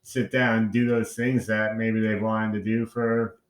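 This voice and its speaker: An easygoing co-host chats casually, chiming in with supportive remarks and questions. The voice sits at a middle pitch, and the room around it rings with noticeable echo. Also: level tone, a little slow. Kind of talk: casual chat. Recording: roomy echo.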